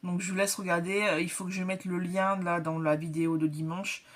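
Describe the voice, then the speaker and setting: A woman's voice: fairly low pitch, flat delivery, a little fast. A woman from northern France chatting casually through an unboxing vlog, with many hesitations and the product names whispered. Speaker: vlogger.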